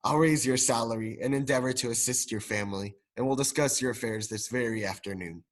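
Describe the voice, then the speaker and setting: A man's voice: medium pitch, fairly quick, lightly acted. Young man playing Scrooge, a joyfully reformed old miser. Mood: joyful, generous. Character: elderly miser turned joyful, generous and repentant. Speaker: student drama performer. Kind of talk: radio play acting.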